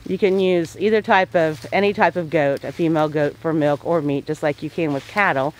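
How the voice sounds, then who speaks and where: A woman's voice: low-pitched, a little fast, a little hiss or hum, rough recording. A woman homesteader giving a casual voice-over, plain-spoken and folksy with homey farm phrasing.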